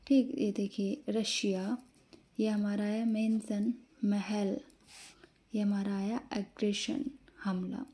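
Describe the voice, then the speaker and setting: A woman teaching English pronunciation in a slow, explanatory lesson, spelling out letters one by one and answering her own questions. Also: mid-range voice, little pitch movement, warm tone. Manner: asks the class questions, then answers them.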